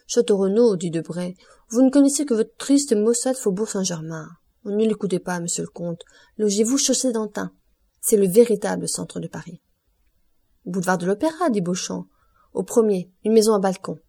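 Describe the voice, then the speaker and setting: A woman's voice: mid-range voice, dark tone. A woman reading a classic novel aloud as an audiobook, voicing every character with light changes of tone. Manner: reads all characters in a lightly varied voice. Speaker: audiobook reader. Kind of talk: scripted narration of a classic novel.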